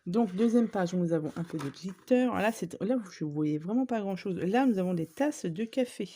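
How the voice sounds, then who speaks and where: A woman's voice: mid-range voice, expressive, moderate pace, warm tone, a little hiss or hum. A woman chatting casually to viewers as she shows off craft supplies she bought, with lots of fillers and small asides. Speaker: scrapbooking vlogger. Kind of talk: casual shopping haul show-and-tell.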